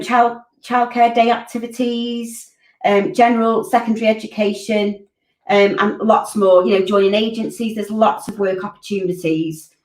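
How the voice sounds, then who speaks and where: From a room in her house, a woman in her forties who directs a college's curriculum hosts a Q&A stream and answers viewers informally with many ums and restarts. Her pitch is medium, and the laptop webcam on the video call captures her from afar with a roomy sound.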